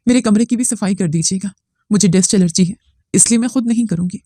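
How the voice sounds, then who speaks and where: A woman's voice: medium pitch, quick pace, mellow, dry recording, studio quality, lightly acted. A woman voicing a haughty, spoiled young sister-in-law who gives orders. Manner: condescending, ordering.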